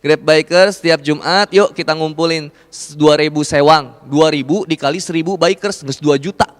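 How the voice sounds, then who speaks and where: Lively Sundanese-accented male preacher, smooth high voice, hall reverb. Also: moderate pace. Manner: animated, jokey, shifts into Sundanese asides, swings between loud and soft. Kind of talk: lively sermon to motorbike drivers.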